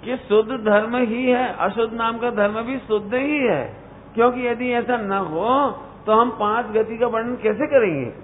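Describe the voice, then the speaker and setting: A man's voice: very high-pitched, measured pace. A man giving a religious discourse to students, often questioning his listeners and chuckling at his own points. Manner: questioning the listeners, calling them "beta". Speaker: Jain religious teacher. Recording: tinny phone-like lecture recording with faint hiss.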